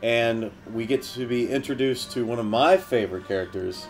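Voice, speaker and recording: Man, commentary host, chatty, hesitant, ordinary middle pitch. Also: moderate pace, faint music behind. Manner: chatty, hesitant with many ums. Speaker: podcast host. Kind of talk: casual movie commentary.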